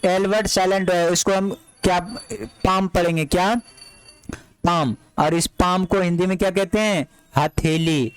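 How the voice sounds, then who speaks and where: A man teaches a lesson in a high, smooth voice. He repeats each word again and again and asks his students to say it back. The sound is dry and close, with no room echo. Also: steady tone, measured pace. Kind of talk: classroom lesson.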